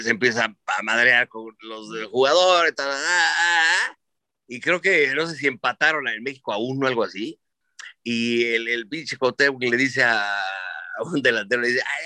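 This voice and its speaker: A man with a Mexican Spanish accent, telling sports stories in casual chat as host, animated and profane, acting out the voices he quotes. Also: medium pitch, no echo.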